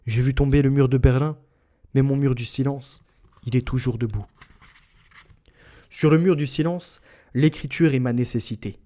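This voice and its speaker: A man narrates a literary first-person text in a slow, solemn, deliberate manner. His voice is dark and mellow, with a relaxed warmth under the gravity of the words. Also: mid-range voice. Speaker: audiobook reader.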